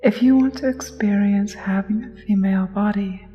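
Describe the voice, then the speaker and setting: A woman narrating a scripted guided hypnosis in a soft, soothing, measured way. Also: medium pitch, big-room sound, muffled recording. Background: music.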